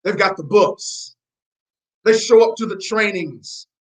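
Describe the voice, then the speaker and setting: Heard through a rough recording, a high-pitched man speaking slowly leads a motivational network marketing training. His accent shifts between American and Nigerian, and he is emphatic, repetitive and preachy, quizzing his listeners.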